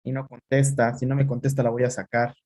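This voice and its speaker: A man teaches over a video call at a mid-range pitch, calling on students one by one and explaining with everyday examples. He sounds like a teacher lecturing from home over a laptop mic. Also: flat delivery, a little fast, darkish tone. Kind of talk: online class lecture.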